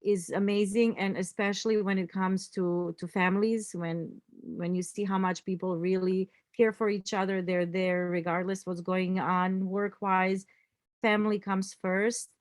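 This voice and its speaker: A Croatian woman whose first language is Croatian appears as an entrepreneur guest in a casual interview. Her medium-pitched voice has a level tone and she speaks haltingly, with many fillers and restarts, laughing easily. The recording sounds dry.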